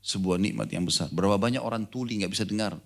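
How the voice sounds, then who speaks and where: A man with a fairly low voice delivers a sermon in a loose, conversational manner. He keeps turning to his listeners with questions, as if chatting with them. His delivery is lively and familiar, like a storyteller. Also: quick pace. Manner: conversational, questions the audience often; lively storytelling with acted-out dialogue. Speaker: preacher. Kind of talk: sermon to a congregation.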